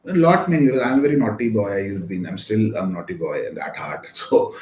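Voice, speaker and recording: In an echoey room with faint noise, a man in his fifties answers interview questions rambly, with lots of fillers. He is a real estate lawyer from West Bengal, India, a native Maithili speaker with an Indian English accent. His low-leaning voice is expressive and darkish, moving at normal speed.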